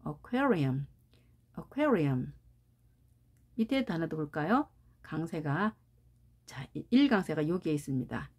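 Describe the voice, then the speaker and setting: A woman's voice: on the low side, a little mellow, husky. A Korean-speaking woman teaching English pronunciation, explaining carefully and repeating each example word. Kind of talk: recorded pronunciation lesson.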